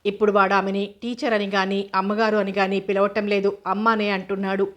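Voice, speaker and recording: A woman narrating an audio novel in a steady, even reading voice. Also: medium pitch, a little fast.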